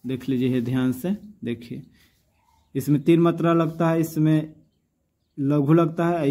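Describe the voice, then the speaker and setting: A man's voice: fairly high pitch, warm tone. A man teaching a casual class, who keeps asking his students questions and repeating points. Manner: addresses students affectionately, repeats and asks questions.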